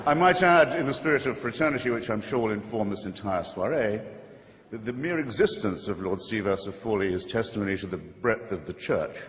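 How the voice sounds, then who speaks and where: A man's voice: lowish voice, fairly bright tone, slight background noise. Wry male debater in a reverberant hall. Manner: wry, ironic, measured oratory with pointed asides. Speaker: debate speaker. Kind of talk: formal debate speech to a live audience.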